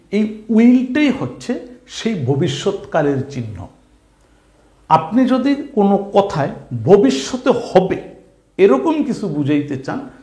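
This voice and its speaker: A man with a Bengali accent teaching a spoken English lesson, slowly drilling phrases and asking his class rhetorical questions. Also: high voice, warm tone. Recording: echoey room.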